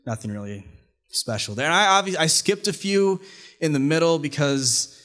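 A man's voice: on the high side, lively intonation, normal speed, fairly bright tone. A man in his twenties telling a personal story live on a small indoor stage, wry and self-deprecating, speaking into a stand microphone. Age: 20s. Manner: wry, self-deprecating, plays lines for laughs. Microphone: stand mic at mouth.

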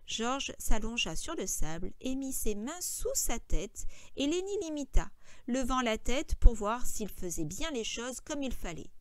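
A woman reading a classic novel aloud in calm, measured narration. Her voice sits fairly high. The sound is close and dry. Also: dry recording. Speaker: audiobook reader. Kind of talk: scripted narration.

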